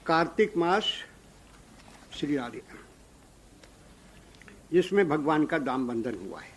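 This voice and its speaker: A man narrating a devotional story in a lively way, breaking in with devotional calls. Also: a little high, slow, husky.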